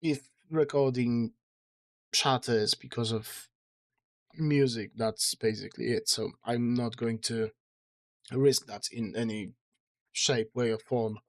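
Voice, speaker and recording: A man's voice: mid-range voice, steady tone, takes it slowly, pauses often, no echo. A man streaming to his chat, sounding tired and strained in the throat, rambling and self-deprecating with lots of fillers and restarts. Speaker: streamer reading his own book. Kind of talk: casual livestream chat.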